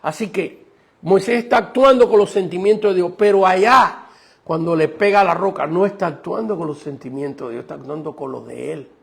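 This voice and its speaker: A man's voice: high voice, brisk, vocal fry. A male pastor preaching a sermon, emphatic and firing rhetorical questions at the congregation.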